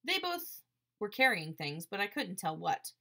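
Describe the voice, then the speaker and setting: Casting: woman audiobook reader, bright and crisp, lively. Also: medium pitch, unhurried. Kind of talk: audiobook narration.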